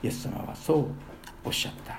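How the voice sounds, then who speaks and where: A man preaching a sermon as pastor, earnest, with his voice swelling loudly on key phrases. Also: fast talker, noisy background.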